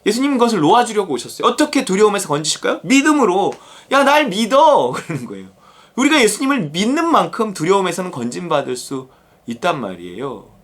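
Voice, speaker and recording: A male pastor giving a daily devotional sermon in a conversational, animated way. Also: sits high, fast. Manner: animated, conversational, acts out quotes.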